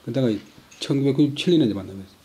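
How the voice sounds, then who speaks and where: An older man lecturing on a classical Chinese text, explaining it word by word, repeating terms and reading the original in a slow chant. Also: medium pitch, lively intonation, dark tone, rough recording.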